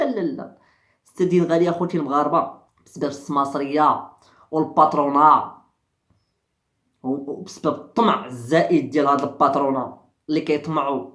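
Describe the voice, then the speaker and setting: A man's voice: fairly high pitch, a bit bright, reverberant. A man with a Moroccan accent giving a fiery commentary rant, repeating himself and firing rhetorical questions at his viewers. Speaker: social commentary vlogger.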